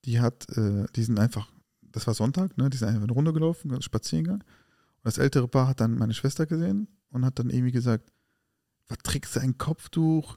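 A man co-hosting a casual podcast, retelling events in an animated way and acting out the quoted dialogue. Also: medium pitch, no echo, studio quality. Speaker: podcast co-host. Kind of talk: casual conversation and storytelling.

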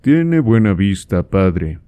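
A man reading aloud and voicing a proud, reserved young gentleman who answers his father formally and dryly. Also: sits low, very animated, takes it slowly, clear, resonant tone, full character voice. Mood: indignant. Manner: dry, formal replies.

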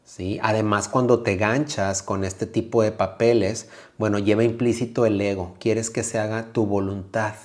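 A man with a Mexican Spanish accent, a yoga teacher hosting a motivational podcast, speaking calmly and reflectively straight to the listener. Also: lowish voice, normal speed, hardly any pauses.

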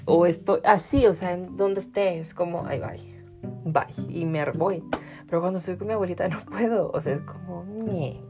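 A man's voice: high voice, fairly even intonation, brisk, music in the background. A man with a Mexican accent hosting a podcast, chatting casually to his listeners and filling his talk with "o sea". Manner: chatty, many "o sea" fillers. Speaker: podcast host.

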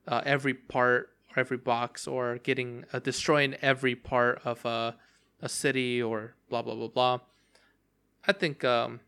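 With a mid-range, fairly bright and clean-toned voice, a young podcast host rambles solo about a game. It's casual, full of fillers and restarts, and long talking has left his voice strained and cracking.

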